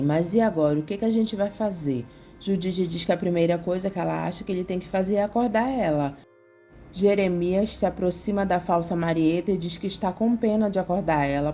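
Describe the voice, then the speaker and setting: Brazilian woman narrator, dark mellow tone, steady scripted read over faint music. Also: lowish voice. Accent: Brazilian Portuguese. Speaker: soap opera recap narrator.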